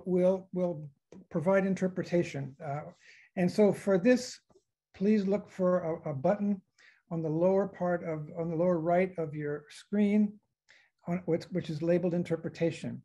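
A man in his sixties hosts an event over a video call from his indoor office lined with bookshelves, using the computer's microphone. His voice is high, soft-edged and husky. Reading formal introductory remarks from notes, he often pauses to find the next word.

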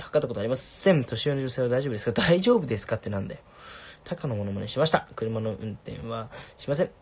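A young man casually answering viewer questions on a livestream, laid-back and soft-spoken. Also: on the low side, gravelly, a little hiss or hum.

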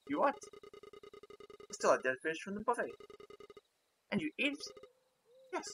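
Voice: medium pitch, background noise. A game reviewer reading game dialogue aloud, switching between the lines of two bickering characters. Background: game music.

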